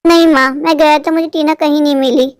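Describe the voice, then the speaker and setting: A woman's voice: sits high, fairly even intonation, brisk, dry recording, lightly acted. A woman voicing an eager, lovestruck young male crow in a cartoon, speaking in a pleading way. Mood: anxious. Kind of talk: cartoon voice acting.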